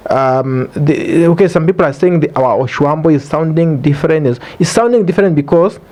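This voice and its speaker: A man's voice: on the high side, a little fast, darkish tone. A man with a Namibian accent speaking as a podcast guest, explaining things earnestly in casual interview talk.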